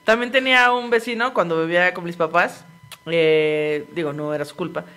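A woman's voice: fairly low pitch, fairly even intonation, moderate pace, fairly bright tone. A woman with a Mexico City Spanish accent, guest on a comedy podcast, telling anecdotes with slang and laughter. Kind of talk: casual comedic chat.

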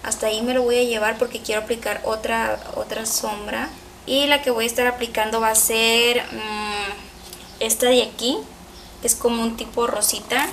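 Woman, makeup vlogger, chatty and excitable, fairly high voice, a bit distant from the mic, faint hiss behind. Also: normal speed. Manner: chatty, excitable, thinks aloud while working. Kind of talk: casual makeup tutorial.

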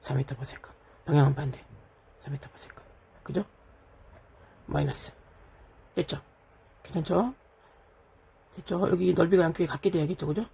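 A gravelly, husky man in middle age lectures on physics while he writes on a board. His voice sits a little high and sounds dark and mellow. He keeps asking his students whether they are following. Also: normal speed, pauses often. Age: middle-aged. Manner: keeps checking in with "됐죠?" and "그죠?"; talks while writing on a board. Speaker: physics teacher. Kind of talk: lecture solving an exam problem.

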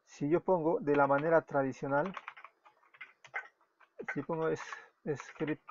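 Brief: Peruvian-accented man, fairly high voice, tutorial narration that stops to correct itself, dull lo-fi sound with typing. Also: fairly even intonation, measured pace, background noise. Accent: Peruvian Spanish. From Peru. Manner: explains step by step, self-correcting, often apologizing. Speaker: web development tutor. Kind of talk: screen-recorded coding tutorial. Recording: dull lo-fi recording with keyboard typing.

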